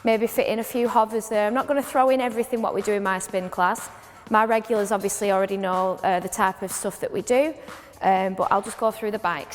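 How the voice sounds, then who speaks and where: A woman spin instructor informally explaining a bike demonstration step by step. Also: a little high. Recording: echoey hall with music behind.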